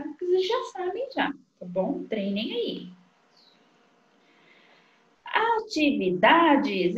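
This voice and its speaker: Woman teacher, slow sing-song explaining, dull echoey recording. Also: a little high, darkish tone. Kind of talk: recorded literacy lesson for young children. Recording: dull, echoey room sound.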